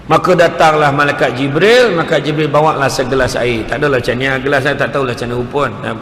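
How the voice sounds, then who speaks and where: A man with a Malaysian Malay accent giving a humorous sermon, telling stories animatedly and swinging between loud and hushed delivery. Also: mid-range voice, fast. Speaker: religious preacher. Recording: echoey hall with long reverb and faint noise.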